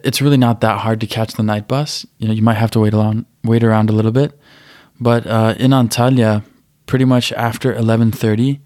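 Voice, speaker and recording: Flat-voiced man chatting as a podcast guest. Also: fairly low pitch, no room sound, clean studio sound. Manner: relaxed, easygoing, many fillers. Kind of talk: casual conversation.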